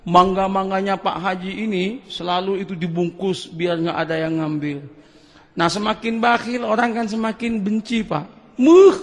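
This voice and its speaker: Brief: male Javanese-accented preacher, high, gravelly, lively sermon storytelling. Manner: lively storytelling, folksy, bursts of shouting. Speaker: Islamic preacher. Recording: long hall reverb.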